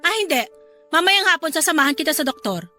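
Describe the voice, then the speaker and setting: A jealous pregnant wife in a radio drama, sharp and accusing. Her voice sits very high and rings bright and cutting. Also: sing-song, fast talker, faint music behind, full character voice. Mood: probing. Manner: sharp, confrontational, spiralling into hysterical shouting.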